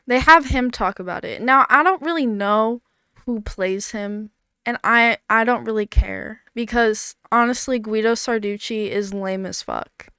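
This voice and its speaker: A woman with a slight lisp talks through an old comedy show in a loose, blunt way, leaning on "like". Her voice sits a bit high and comes through very clean and smooth. The recording is dry, with no room sound. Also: unhurried, pushed and bright, dry recording. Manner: chatty, blunt, peppered with "like". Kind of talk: casual commentary.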